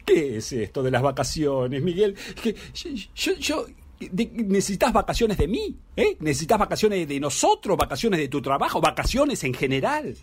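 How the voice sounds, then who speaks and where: A man's voice: on the high side, big pitch swings, moderate pace, breathy edge. Man voicing a frantic Argentine wife. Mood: anxious, pleading. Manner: pleading, exasperated, scolding, stammering. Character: frantic middle-aged wife scolding her runaway husband. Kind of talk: dramatic reading of a theatre monologue.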